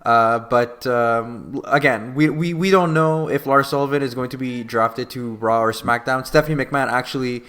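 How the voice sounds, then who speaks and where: A man's voice: mid-range voice, moderate pace, hardly any pauses, a bit bright. A man co-hosting a wrestling podcast, recapping the show play by play in a casual chat with dry sarcasm. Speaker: podcast co-host.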